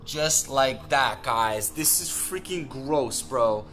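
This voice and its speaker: A man's voice: mid-range voice, lively intonation, slow pace, bright, forceful tone, soft background music. A young man hosting a challenge vlog, telling scary stories to viewers in a dramatic, slangy way. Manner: hyped, dramatic, slangy delivery. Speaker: host of a paranormal challenge video. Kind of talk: casual vlog talk and dramatic storytelling to viewers.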